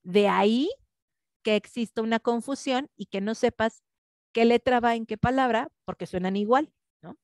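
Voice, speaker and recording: A woman's voice: a little high, normal speed, a little mellow, no room sound, studio quality. A woman teaching a class in a conversational way, often checking in with tag questions. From Mexico. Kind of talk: online class lecture.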